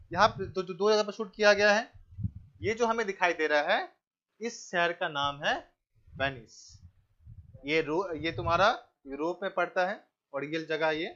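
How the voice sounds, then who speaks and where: A male teacher giving a classroom lecture, asking the class questions, answering them himself, repeating key names and telling the students to keep quiet. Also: high-pitched, dull audio. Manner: tells the class to keep quiet and pay attention.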